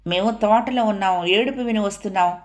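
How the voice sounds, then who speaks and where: A woman's voice: medium pitch, brisk, close to an everyday voice. A woman doing a blunt, outspoken young sister.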